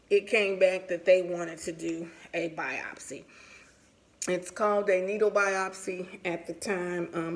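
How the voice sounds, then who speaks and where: A woman in her forties, her voice on the low side and creaky, tells a personal story while getting ready, vlog-style. She's candid, casual and conversational throughout.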